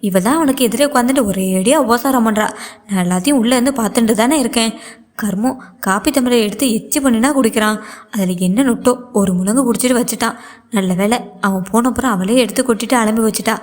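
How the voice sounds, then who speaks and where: Woman narrator doing an anxious older mother, complaining storybook monologue, slightly high voice. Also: fast, darkish tone, lightly acted. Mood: anxious lament. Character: worried older mother lamenting her daughter.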